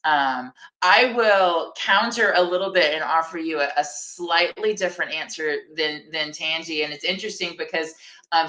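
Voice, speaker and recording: A woman with a low yet bright, forceful voice gives career advice on a panel, earnest and encouraging. She sounds like she is on a video call, and the room around her echoes noticeably. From Austin, Texas, USA. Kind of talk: conversational panel talk. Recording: roomy echo.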